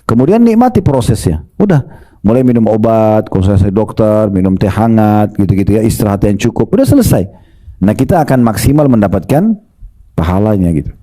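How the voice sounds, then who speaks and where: Male preacher, very warm mellow voice, lively storytelling sermon to the congregation. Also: on the low side, brisk. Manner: lively, retells stories and addresses the congregation.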